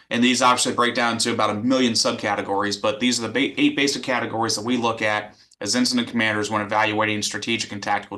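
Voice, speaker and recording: A man's voice: medium pitch, pushed and bright. A man giving a methodical, instructional incident review as a fire training presenter.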